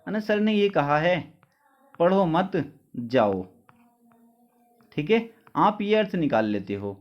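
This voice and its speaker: A male teacher giving an exam-prep lesson. He asks questions and answers them himself, often checking whether it is clear, and drops his voice for each answer. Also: high-pitched, big pitch swings, moderate pace. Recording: dull lo-fi sound.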